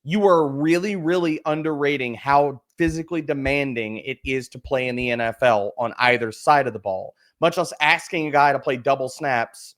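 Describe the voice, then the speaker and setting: A man's voice: mid-range voice, normal speed, few pauses, a bit bright. A man in casual podcast chat as a fantasy football analyst, ranting emphatically with profanity and rhetorical questions.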